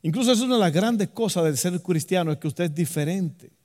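A man preaching a lively sermon as pastor, acting out voices and joking with the congregation. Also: high-pitched, a little fast, long reverb tail.

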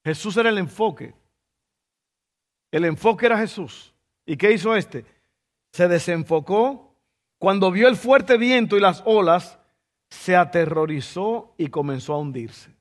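A man preaching a sermon, telling a story with lively asides and rhetorical questions. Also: sits high, measured pace, pauses often, big-room sound.

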